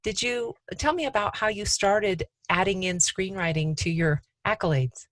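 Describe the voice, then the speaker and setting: A woman's voice: mid-range voice, normal speed, a bit bright, no echo, rough recording. Earnest woman host, dry close sound. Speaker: podcast host. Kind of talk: scripted intro and interview questions.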